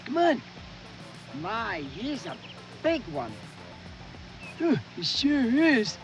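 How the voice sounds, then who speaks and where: A man's voice: very high voice, sing-song, slow pace, soft background music, exaggerated voice. An actor dubbing an astonished, very old man in a film. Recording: muffled old film audio.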